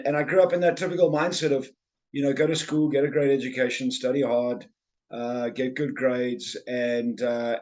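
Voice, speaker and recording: This middle-aged man with a Zimbabwean accent speaks in a mid-range, slightly mellow voice. A sales trainer and speaker appearing as an interview guest, he talks casually and often repeats words as he begins a thought.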